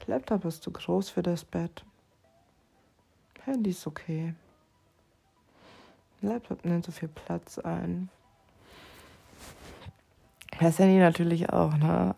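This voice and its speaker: A woman vlogger rambling in a drifting, dreamy way, thinking aloud and now and then dropping to a soft whisper. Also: fairly low pitch, steady tone, moderate pace, creaky, long pauses, breathy edge. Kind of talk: rambling casual monologue.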